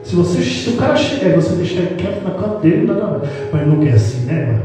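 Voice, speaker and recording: A man's voice: high-pitched, sing-song, racing. A man preaching a playful church sermon, teasing the congregation as he talks. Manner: playful, teasing the congregation, acts out family scenes. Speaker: pastor. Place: church hall. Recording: roomy hall reverb from a distant mic, music behind.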